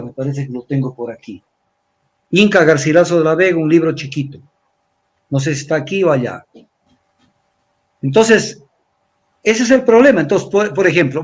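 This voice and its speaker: An older man from Ecuador delivers a weekly analysis in a lecturing tone. His voice sits high for a man, and he repeats phrases and spells out letters as he explains. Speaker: commentator.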